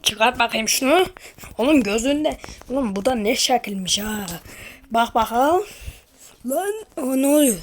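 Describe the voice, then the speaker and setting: A woman's voice: on the high side, lively intonation, measured pace. A Turkish woman doing an amateur comic cartoon dub, putting on slangy, exclamatory character voices.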